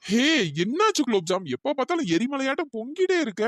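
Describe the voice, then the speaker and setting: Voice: sits high, sing-song, fast talker, no room sound, studio quality. A performer voicing a persistent young male college student in a cartoon, pleading and apologetic. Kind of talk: cartoon voice acting.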